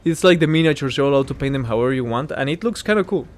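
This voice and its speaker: A man's voice: mid-range voice, expressive, rapid-fire. A man giving casual, rambling game commentary while he plays, easily sidetracked by the action. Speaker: gaming video host. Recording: clear background game noise.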